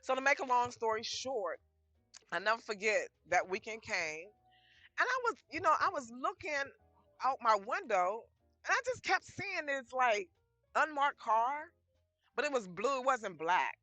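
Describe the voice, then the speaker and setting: A middle-aged woman from the DC tells her life story in a loose, chatty way, with a bright edge to her voice. She talks, and the dry, close sound has faint music behind it. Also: a little high, a little slow, dry recording. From Washington DC area. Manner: lively, chatty retelling of conversations with frequent laughs. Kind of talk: casual storytelling.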